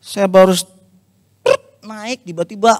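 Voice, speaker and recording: A man preaching a lively, confessional story-sermon, dropping English phrases in. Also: high-pitched, slow pace, no echo, clean studio sound. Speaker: youth preacher.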